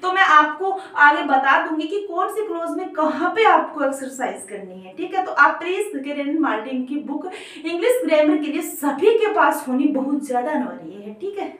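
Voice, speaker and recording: Woman, very high voice, grammar teacher, patient step-by-step explaining, very echoey room, far from the mic. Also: big pitch swings, moderate pace, fairly bright tone. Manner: explanatory, repeats "theek hai" to check understanding. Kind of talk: online grammar lesson.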